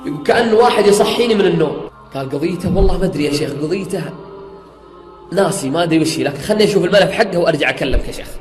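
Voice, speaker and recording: A man's voice: fairly high pitch, rapid-fire. A man, a preacher telling a story in sermon style, swearing oaths and rising to a near-chant. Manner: retells an eyewitness account, swearing oaths, rising to near-singing emphasis. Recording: echoey hall with faint music.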